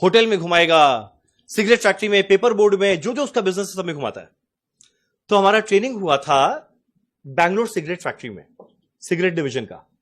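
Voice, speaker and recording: High-voiced male accounting teacher. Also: lively intonation, a little fast, a bit bright. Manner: chatty, storytelling, addresses students as "tum log". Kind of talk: lecture with a personal anecdote.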